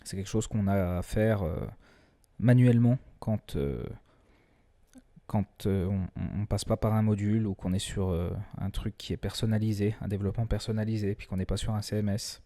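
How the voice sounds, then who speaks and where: A man presenting a screen-recorded software tutorial in a relaxed, chatty way, often hesitating and restarting his sentences. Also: on the low side, moderate pace. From France. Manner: self-deprecating humor.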